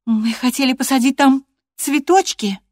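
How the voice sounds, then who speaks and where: A woman reading aloud, voicing a bold, stubborn young woman who shouts high and loud. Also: steady tone, brisk, dry recording, clean studio sound. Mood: defiant.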